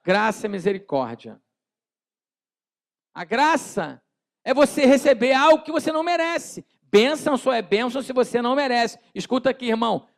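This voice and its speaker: A Brazilian pastor preaching in a church, his voice pitched high with a rough, gravelly grain. He speaks in an animated way, acting out small scenes and calling on the congregation to repeat his words. The sound is dry and close, with little room echo. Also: moderate pace. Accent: Brazilian Portuguese. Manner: calls on the congregation to repeat phrases. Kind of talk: sermon.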